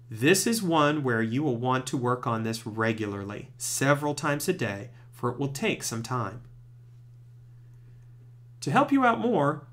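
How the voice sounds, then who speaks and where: A man presenting scripted training tips, giving clear step-by-step instructions as a narrator. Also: mid-range voice, a bit bright.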